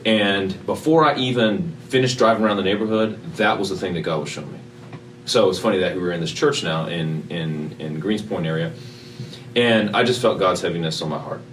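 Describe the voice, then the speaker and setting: A man born in Japan and raised in Texas, a political candidate talking casually in an interview, relaxed and rambling with many fillers. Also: low voice, fairly quick. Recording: faint ambient noise, slightly distant mic.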